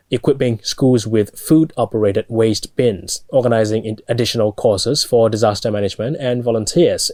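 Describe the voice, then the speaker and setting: A man's voice: on the low side, darkish tone, dry recording. A young man with a Burmese accent reading scripted news as a studio anchor. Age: young adult.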